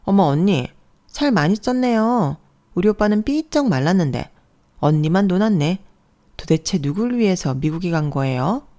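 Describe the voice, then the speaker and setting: A woman voicing a spiteful, sharp-tongued young sister-in-law in a storybook radio reading, with a snippy, sarcastic manner. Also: fairly high pitch, sing-song, moderate pace, pitched above the performer's own voice. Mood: mocking.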